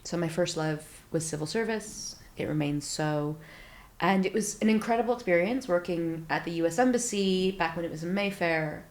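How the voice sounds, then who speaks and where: An American woman in her thirties tells stories in a loose interview chat, her voice sitting a little low. She acts out her own reactions with plenty of fillers. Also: moderate pace, darkish tone. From Silicon Valley, California, USA. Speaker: startup founder, guest.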